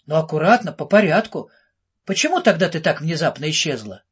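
A man voicing an excitable, famous male storyteller who gushes and rattles off questions, in an audiobook. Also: a little high, husky, dull audio, full character voice. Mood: eager. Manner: breathless, gushing, rapid-fire questions.

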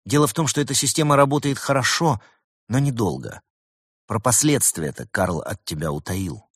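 A man voicing a shrewd talking male fox who explains things with lively insistence in an audiobook. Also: medium pitch, moderate pace, breathy edge, no echo, clean studio sound, voice pushed up. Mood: knowing. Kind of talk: audiobook character voice.

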